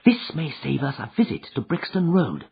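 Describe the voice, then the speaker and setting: A man voicing a calm, confident detective who speaks blandly and cheerily, heard as a dull lo-fi audiobook recording. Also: mid-range voice, normal speed, vocal fry, breathy edge, voice pushed up, full character voice. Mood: suave.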